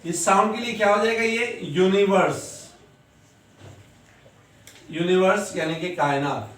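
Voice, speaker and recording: A man teaching a class, slowly drilling letter sounds and asking students questions. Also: high-pitched, a bit bright. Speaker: English teacher. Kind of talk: classroom lesson. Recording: echoey room, distant mic.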